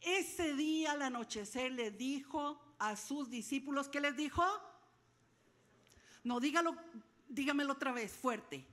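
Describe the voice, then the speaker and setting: A woman pastor preaching a lively sermon, acting out the people in her story and building to loud questions. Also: sits high, measured pace. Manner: animated preaching, acting out dialogue and rising to shouted questions.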